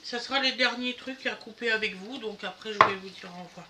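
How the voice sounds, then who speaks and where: A woman's voice: fairly high pitch, fairly quick, very noisy. A middle-aged woman chatting to her viewers while she cooks in her home kitchen. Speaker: vlogger cooking with her family. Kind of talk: casual kitchen vlog chat. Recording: home kitchen with clattering dishes.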